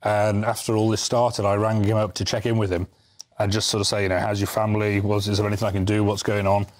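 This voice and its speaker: Speaking quickly in a lowish, flat voice, this UK charity volunteer recounts a tale in a casual interview. His storytelling is conversational and anecdotal, full of asides and restarts.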